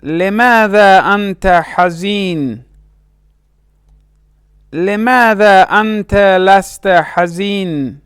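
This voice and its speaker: A man teaching a language lesson, saying short phrases slowly and carefully and repeating each word. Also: high-pitched, fairly bright tone, clean tone, no echo, clean studio sound. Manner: slow, careful pronunciation with repeated words.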